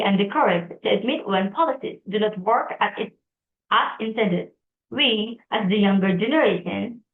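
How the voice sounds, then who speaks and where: A young woman, reading a class presentation aloud in a careful, deliberate way and correcting herself as she goes. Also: mid-range voice. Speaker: student presenter. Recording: tinny phone-like recording.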